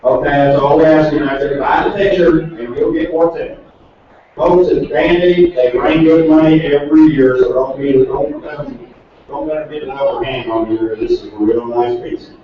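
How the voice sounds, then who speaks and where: A man's voice: on the high side, steady tone. Man auctioneer chanting in echoey hall. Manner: rapid rhythmic bid calling with folksy asides. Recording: distant echoey lo-fi recording with loud crowd.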